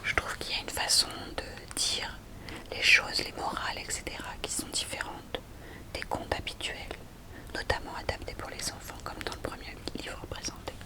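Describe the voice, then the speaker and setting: Whispering woman, soft library whisper. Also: normal speed, rough recording. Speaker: ASMR host recommending storybooks. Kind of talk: whispered ASMR book talk.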